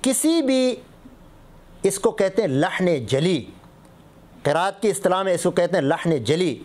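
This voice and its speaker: A man's voice: high voice, darkish tone. A middle-aged man, a mufti, giving a religious lesson on correct Quran recitation, patiently explaining with contrasting word examples. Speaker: mufti teaching Islamic rulings.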